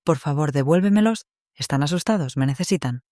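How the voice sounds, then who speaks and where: Man doing a desperate young mother, pleading, higher voice, dry close sound. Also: expressive, a little fast, mellow, no echo, natural voice.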